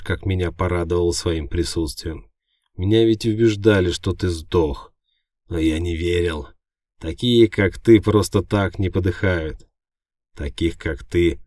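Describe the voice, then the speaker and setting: A man's voice: low-pitched, steady tone, a little slow, darkish tone, dry recording, clean studio sound, recorded from a distance. A man voicing a spiteful crippled villain who hisses and gloats, in an audiobook. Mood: gloating. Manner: hissing, gloating.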